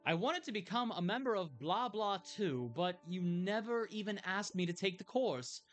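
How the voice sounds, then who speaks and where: A man's voice: sits high, animated, normal speed, soft background music, pitched above the performer's own voice. A man voicing an earnest young woman café manager, reading game dialogue aloud in a heartfelt way.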